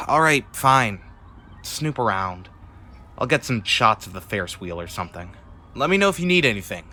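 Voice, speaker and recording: An actor playing a reluctant, wisecracking young student sidekick in a video game, wry and grudging. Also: male voice, lowish voice, very animated, normal speed, bright, forceful tone. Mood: uneasy, resigned. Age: young adult.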